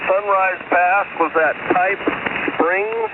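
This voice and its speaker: A man's voice: high voice, fairly even intonation, takes it slowly, phone-quality sound. A man's voice crackles in over a two-way CB radio, distant and thin, under heavy static. He speaks plainly and politely and signs off the way radio operators do. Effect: heard over a two-way CB radio. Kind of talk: radio procedure talk.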